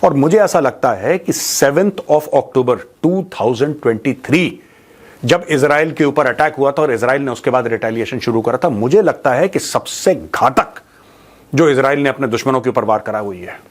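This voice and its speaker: This man's voice is medium in pitch with lively intonation and a measured pace. As host of a news commentary show, he gives viewers an informal, opinionated take on current affairs, mocking and colloquial, leaning on rhetorical questions, repeating phrases for emphasis, and slipping into English.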